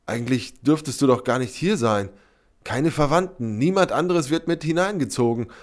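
A man's voice: medium pitch, animated, moderate pace, pitched above the performer's own voice, close to an everyday voice. A man voicing a bewildered, anxious man in a read-aloud story, his voice pushed up and tense. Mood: panicked. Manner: tense and pleading.

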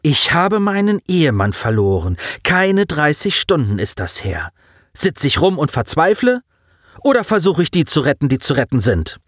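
A man reading an audiobook, voicing a cold, commanding female starship lieutenant who speaks in an icy, calm, cutting way. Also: fairly high pitch, normal speed, dry recording, studio quality, pitched above the performer's own voice, exaggerated voice. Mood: forceful.

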